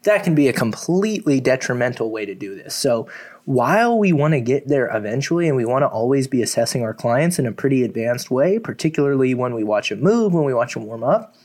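A man's voice: mid-range voice, animated, fairly quick, a little mellow. A man, a fitness coach, giving casual advice in a chatty way, full of fillers and casual swearing. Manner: chatty, lots of "like" and "you know", swears casually.

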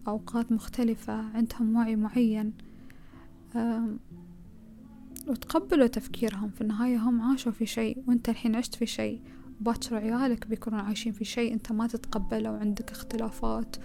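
Gravelly higher-voiced Gulf Arabic woman. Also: little pitch movement, fast talker, warm tone, faint music behind. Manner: conversational, advising, piles up rhetorical questions. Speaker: self-help speaker. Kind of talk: motivational self-help talk.

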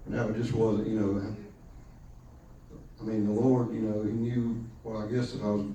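A man giving a halting personal testimony at church, heard through a low quality stream of the recording. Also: flat delivery, warm tone, very echoey, distant mic, a little hiss or hum, rough recording. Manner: halting, many fillers and restarts. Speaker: podcast host giving testimony.

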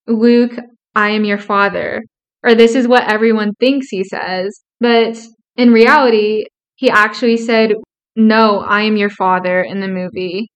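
A woman's voice: a little high, clear, resonant tone, lo-fi sound. Young woman explaining with earnest clarity. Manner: earnest, explanatory, gently sarcastic. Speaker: podcast co-host. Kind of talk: casual podcast chat, explaining psychology.

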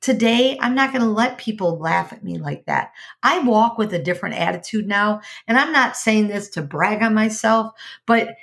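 A woman's voice: medium pitch, very animated, moderate pace, fairly bright tone. A middle-aged woman hosting a podcast, talking earnestly about her own life and giving advice, often repeating herself and restarting sentences. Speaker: podcast host. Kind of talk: personal advice monologue.

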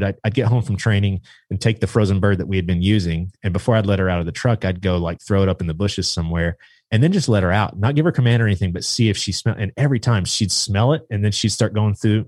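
As a guest on a podcast, a duck hunter and dog trainer with a deep voice casually recounts a hunting story. His retelling is rambling and lively, with quotes acted out, and the recording has no echo.

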